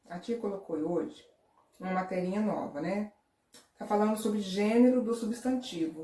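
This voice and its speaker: A woman's voice: mid-range voice, dark tone. A Brazilian woman teaching a recorded lesson to young children, patient and repetitive, often checking "tá?". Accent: Brazilian Portuguese. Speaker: primary school teacher. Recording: echoey room, voice a bit far from the mic.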